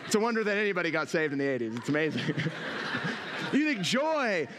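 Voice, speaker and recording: High-voiced preaching man in reverberant hall. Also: a little fast, background noise. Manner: expressive preaching, acts out quoted inner voices. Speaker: pastor. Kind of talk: sermon. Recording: long reverb from a church hall.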